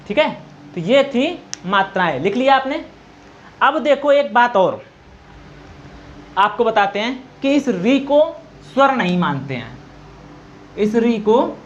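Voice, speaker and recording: A man with an extremely high-pitched, slightly bright voice gives an exam-prep grammar lecture, asking his own questions and answering them while dictating notes. He draws out vowel sounds to demonstrate, on a dull lo-fi recording with faint noise.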